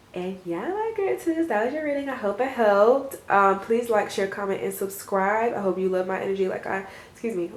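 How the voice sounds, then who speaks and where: A woman's voice: mid-range voice, a little mellow. A woman doing a casual tarot reading for her viewers, rambling and reassuring, with frequent fillers and small laughs. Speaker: tarot reader. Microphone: camera mic. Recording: roomy echo.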